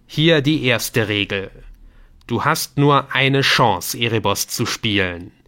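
Guy doing a spooky game talking to the player, slow and loud, laying down the rules. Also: medium pitch. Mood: solemn commanding. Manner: slow, loud, solemn pronouncements. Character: commanding voice of a mysterious computer game.

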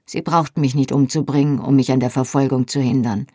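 A woman voicing a wounded, breathless man who gives halting reports, in an audiobook reading. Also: extremely low pitch, fairly even intonation, warm tone, no room sound, clean studio sound. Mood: urgent, weary.

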